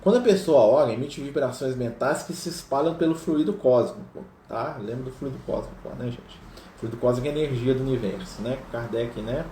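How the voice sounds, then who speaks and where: A man leads a spiritist study group in casual teaching talk, reading passages aloud and checking in with many tag questions. His voice is medium-pitched, warm and fairly quick, in a roomy recording with echo and faint noise.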